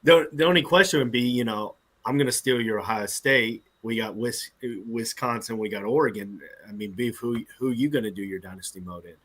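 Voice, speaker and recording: A man co-hosting a casual sports podcast, chatty and quick to laugh. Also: medium pitch, a bit bright, husky. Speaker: podcast co-host. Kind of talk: casual chat. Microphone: video call setup.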